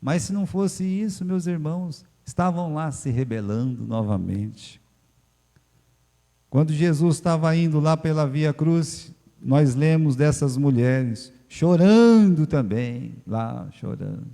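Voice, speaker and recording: Gravelly Brazilian pastor in a reverberant church. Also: male voice, lively intonation, slow, mellow. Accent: Brazilian Portuguese. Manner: preaching with sudden rises in pitch and volume, addressing the congregation as brothers. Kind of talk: sermon. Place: church sanctuary.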